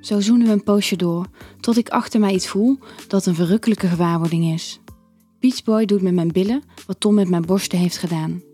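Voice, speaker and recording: A woman reading a first-person story aloud in an intimate, unhurried way. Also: medium pitch, mellow, breathy edge, soft background music. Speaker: narrator. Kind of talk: scripted story narration.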